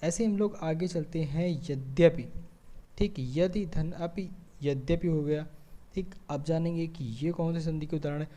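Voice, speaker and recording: Mellow-voiced man teaching grammar. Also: a little high, a little slow. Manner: explains step by step, often asks and answers his own questions; frequent checking fillers. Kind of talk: board-style grammar lesson.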